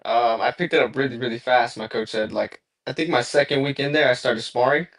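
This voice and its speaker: This young boxer guest from Southern California speaks fairly quickly in a mid-range, slightly bright voice. Answering a casual interview remotely, he rambles easily and leans on lots of fillers.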